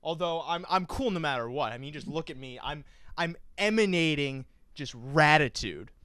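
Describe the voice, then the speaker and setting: The clean, echo-free audio captures a young podcast host whose voice is a little high and fairly bright, with lively intonation at normal speed. He banters about racing in a theatrical, self-mocking way, swinging into silly voices.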